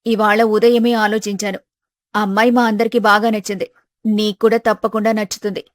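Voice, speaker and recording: A woman's voice: mid-range voice, flat delivery, fairly quick, no room sound, natural voice. A woman voicing a bossy, determined middle-aged mother in a storybook tale. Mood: insistent. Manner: insistent, scolding. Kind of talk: storybook voice acting.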